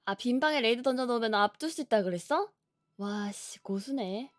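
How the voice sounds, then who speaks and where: A woman live streamer chatting casually before a game, with a cutesy, playful, expressive anime-streamer manner. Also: fairly high pitch, normal speed, no room sound, studio quality. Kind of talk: casual livestream chat before playing a game.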